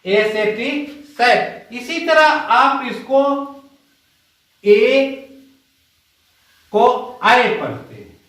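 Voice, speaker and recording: A male teacher gives a classroom grammar lesson, reciting slowly and quizzing his students. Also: extremely high pitch, lively intonation, fairly bright tone. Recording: roomy echo, far from the mic.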